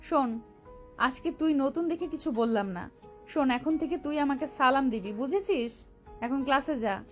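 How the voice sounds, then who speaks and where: A woman's voice: high-pitched, normal speed, faint music behind, lightly acted. A woman voicing a hot-tempered, domineering young female gang leader in an audio drama, speaking in a curt, commanding tone. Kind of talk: Bengali audio love-story drama.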